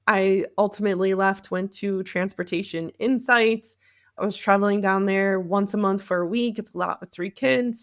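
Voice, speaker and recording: In clean studio sound with no echo, a mid-range female voice belongs to a marketing agency CEO from the Cleveland area. As a podcast guest she shares her own story in a candid, conversational way, frequently playing out other people's remarks.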